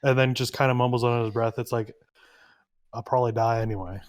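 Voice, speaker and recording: A man's voice: medium pitch, flat delivery, quick pace, smooth, dry recording, studio quality, close to an everyday voice. A man voicing a doubtful male hospital patient who mutters in a resigned way.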